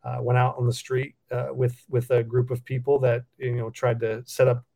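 Flat-toned reflective man from Cameroon. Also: mid-range voice, normal speed, vocal fry. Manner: reflective, many ums and restarts. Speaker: nonprofit CEO, podcast guest. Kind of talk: casual interview answers.

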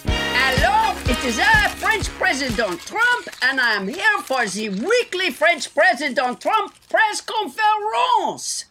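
A woman's voice: very high voice, big pitch swings, slow, over music, heavily acted. A woman playing a pompous, self-important male president in a French Trump parody at a satirical press conference, making grand declarations with mock-French words. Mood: pompous, eager.

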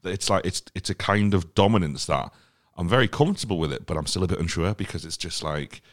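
A man hosting a casual football podcast, halting and searching for his words. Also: deep voice, lively intonation. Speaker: podcast host.

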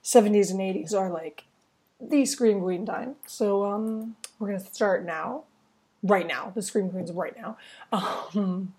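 A woman co-hosting a casual podcast with a hoarse, raspy voice worn out by a cold. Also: mid-range voice, slow, darkish tone. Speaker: podcast co-host.

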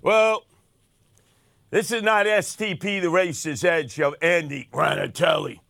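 Older New man, comic talk host, sarcastic and brash, bright edgy tone. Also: on the high side, unhurried, gravelly, dry recording, studio quality. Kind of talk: comic talk radio monologue.

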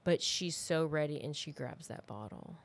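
Speaking low at normal speed with lively intonation, a thirtysomething podcast host tells a true crime tale conversationally. She keeps the wording loose and casual, performing the quoted remarks as she goes.

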